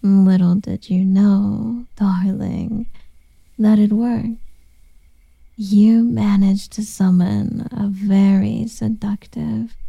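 A woman voicing a seductive, doting female succubus lover in an ASMR roleplay, whispering softly and cooing pet names. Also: medium pitch, gravelly, husky, dry recording, full character voice.

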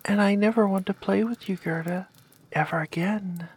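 A woman's voice: fairly low pitch, unhurried, husky, poor audio. A woman voicing a stubborn, sulky little boy in a whispered storybook reading. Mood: defiant.

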